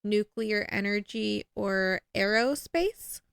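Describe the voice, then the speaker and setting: A woman's voice: mid-range voice, takes it slowly, creaky, a bit bright, clean tone, no room sound, studio quality. A woman co-hosting a podcast in casual chat, rambling with lots of fillers and poking fun at herself. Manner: rambling, filler-heavy, self-deprecating. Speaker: podcast co-host.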